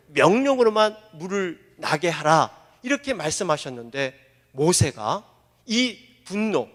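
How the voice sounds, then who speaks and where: A male pastor preaches in a church sanctuary, his voice pitched very high and swinging widely. He is impassioned and voices the quoted figures himself. A long hall reverb trails each phrase. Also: fairly bright tone. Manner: impassioned, voicing Moses and God in quoted lines. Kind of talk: sermon.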